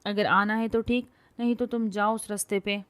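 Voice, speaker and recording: A hot-headed young woman with a loud, scolding tongue, forever bragging and bossing people around, as a woman storyteller puts her on. Sharp-edged and quick to snap in an audio storybook. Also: medium pitch, steady tone, clean tone, natural voice. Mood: furious. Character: feisty bossy young woman, quick-tempered.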